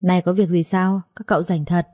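A woman's voice: on the low side, flat delivery, brisk, dark tone, close to an everyday voice. A woman reading a cold, curt young man. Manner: curt, detached.

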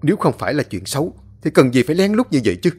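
A man's voice: medium pitch, very animated, fast talker, darkish tone, husky. A man voicing bitter hot-tempered young disciple Lâm. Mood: resentful. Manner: accusing, harsh and raised.

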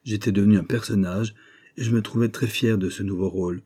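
Husky, mellow male narrator. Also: fairly low pitch, steady tone, fairly quick. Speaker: audiobook narrator. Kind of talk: reading a literary story aloud.

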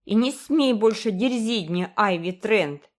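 A woman voicing an angry young boy who shouts threats, in a storybook reading. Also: on the low side, animated, measured pace. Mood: furious.

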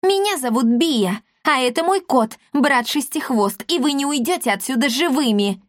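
A woman's voice: high-pitched, expressive, normal speed, no room sound, clean studio sound, pitched above the performer's own voice. A woman voicing a scrawny, fierce young sorceress girl who speaks in theatrical, accusing declarations. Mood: grandiose. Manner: theatrical, accusing, self-satisfied.

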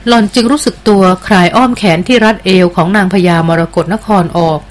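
A woman reads an adventure novel aloud in a steady, even storytelling delivery. Her voice sits at a middle pitch for a woman. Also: fairly quick. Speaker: audiobook narrator. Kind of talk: scripted novel narration.

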